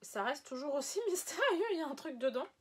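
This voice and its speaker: A woman's voice: high-pitched, lively intonation, fast talker, a little hiss or hum. A woman chatting casually as she unboxes items for her viewers, rambling a little, with many fillers and self-corrections. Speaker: unboxing vlogger. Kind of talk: casual chat showing items to camera.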